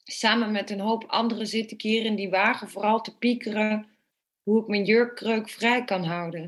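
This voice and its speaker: A woman's voice: medium pitch, fairly even intonation, moderate pace, lightly acted. An actress playing a young female election observer, dazed and hurting after her arrest. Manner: dazed, reflective.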